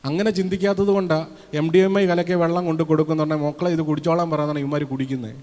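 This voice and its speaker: A man preaching a sermon from Kerala, lively and questioning his listeners, acting out the voices he quotes. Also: on the high side, very fast. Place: church hall. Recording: long hall reverb.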